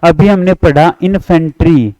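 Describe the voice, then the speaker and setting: High-voiced Hindi-speaking grammar teacher, unhurried. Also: male voice, mellow, no room sound, rough recording. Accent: Haryanvi Hindi. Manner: repeats points and coaxes students to answer along; reads English example sentences slowly. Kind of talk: exam-prep grammar lesson.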